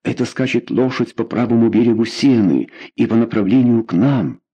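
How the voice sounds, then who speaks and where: A man's voice: mid-range voice, normal speed, mellow, husky, natural voice. A man voicing an anxious tavern keeper in an audiobook, speaking in a fretful way. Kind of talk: audiobook character voice.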